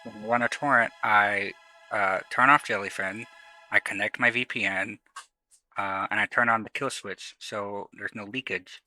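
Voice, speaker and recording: A man's voice: lowish voice, steady tone, moderate pace, pushed and bright, low-quality recording. A man with a lisp streaming from home, talking casually and rambling about his tech setup, swearing now and then. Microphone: new desk microphone. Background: faint music.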